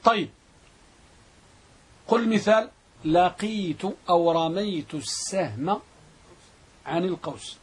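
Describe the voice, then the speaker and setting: A man teaching a grammar class, repeating definitions slowly and quizzing his students. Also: sits high, slightly rough. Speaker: Islamic scholar teaching Arabic grammar.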